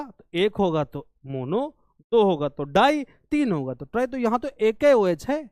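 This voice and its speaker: Male exam-prep tutor, brisk and coaxing, clear voice, dry close mic. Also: extremely high pitch, no echo. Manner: lively, scolding and coaxing, voices students' questions himself. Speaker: chemistry teacher.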